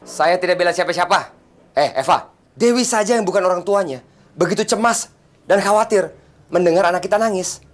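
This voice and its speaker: A man's voice: sits high, fairly quick, slight background noise, close to an everyday voice. An actor playing a stern husband who lectures and rebukes his wife.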